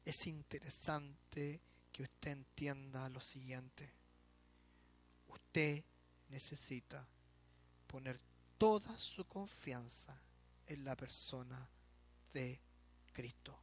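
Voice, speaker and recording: A man's voice: mid-range voice, slow, pauses often, a little hiss or hum. A man preaching a sermon as pastor, emphatic and drawn out, often asking the listener rhetorical questions. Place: church.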